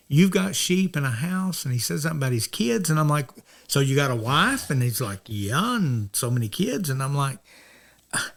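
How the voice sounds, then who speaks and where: A man's voice: medium pitch, creaky. Preacher guy from north georgia, middle-aged, rambles and restarts a lot, acts out what people said. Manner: rambling, restarts often, acts out quoted dialogue. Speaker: minister, interview guest. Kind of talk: casual storytelling.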